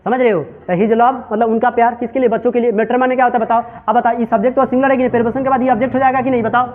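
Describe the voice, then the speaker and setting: High-voiced man teaching, tinny sound. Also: fairly even intonation, racing. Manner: drills students with repeated questions; mixes Hindi and English. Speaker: English teacher. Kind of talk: classroom translation lesson.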